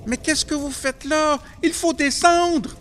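A man's voice: steady tone, slow, fairly bright tone, full character voice. A man playing a frantic schoolboy. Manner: shrill, pleading and frantic. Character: panicked schoolboy, the narrator as a child.

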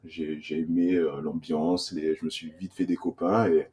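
Interview guest: man, 30s, from Burkina Faso, dark mellow tone, halting delivery. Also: very deep voice, flat delivery. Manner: hesitant, many "euh" fillers and restarts. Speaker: guest, former rugby player. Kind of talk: casual interview answers.

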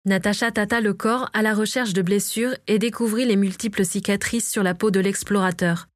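A woman's voice: mid-range voice, no room sound, studio quality. Woman steadily narrating a fantasy audiobook. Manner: steady, measured reading.

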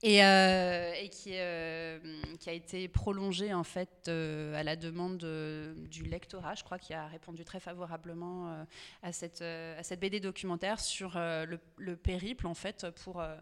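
A woman's voice: fairly low pitch, little pitch movement, normal speed, fairly bright tone, clear, resonant tone. A woman editor being interviewed on a podcast, talking hesitantly with many fillers and restarts. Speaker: guest, comics editor.

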